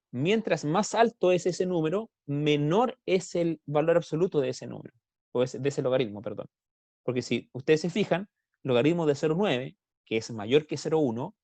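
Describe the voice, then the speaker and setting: A man's voice: a little high, darkish tone, dry recording. Chilean male math teacher, online class, computer mic, dry sound, asks questions step by step. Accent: Chilean Spanish.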